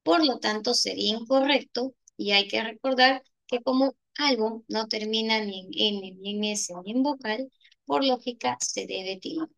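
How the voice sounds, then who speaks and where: A woman with a Peruvian Spanish accent explains a grammar exam answer by answer, like a teacher at the board. Her voice sits fairly high and has a gravelly edge. She keeps checking in with the listener through rhetorical questions. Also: a little slow, fairly bright tone. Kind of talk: exam solution lesson.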